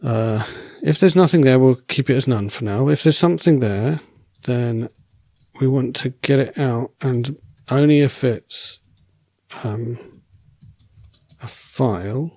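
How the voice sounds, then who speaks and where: Writing code while thinking out loud, this man teaches programming in a relaxed, wry way, fixing his own mistakes as he goes. He speaks slowly at a medium pitch, his voice fading, in a dry recording.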